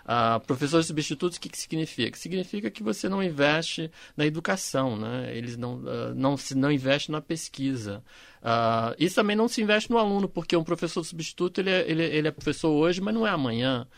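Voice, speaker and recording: A man's voice: a little high, expressive, fast, creaky, no room sound. Hesitant man, dry sound. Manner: hesitant, repeats words while searching for them. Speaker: panel guest. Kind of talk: discussion on a panel show.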